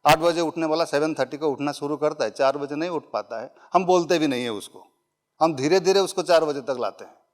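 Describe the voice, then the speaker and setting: A man's voice: fairly high pitch, a little fast. A middle-aged man giving a conversational public speaking workshop to a live audience, mixing English phrases into his talk and illustrating points with everyday examples.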